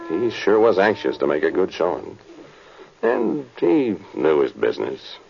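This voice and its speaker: Deep, husky old frontier sergeant. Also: male voice, wildly swooping pitch, measured pace, soft background music, exaggerated voice. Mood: reminiscing. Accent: American. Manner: plain rustic storytelling, ungrammatical. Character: folksy weary old frontier cavalry sergeant, a dead man. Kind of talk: 1940s radio drama acting. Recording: muffled vintage radio broadcast.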